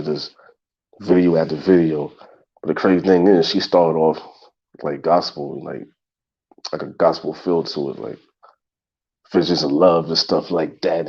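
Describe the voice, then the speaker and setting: A man in his thirties hosts a casual solo talk show as a podcast host, his extremely low, darkish voice gravelly, husky and congested. He talks straight to listeners in a loose, repetitive way, and the recording has a dull lo-fi sound.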